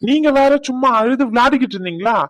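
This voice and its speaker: Here a man voices a cartoon's teasing young prankster, laughing a lot as he mocks his pals. He talks fast in a very high, expressive, fairly bright voice, recorded dry.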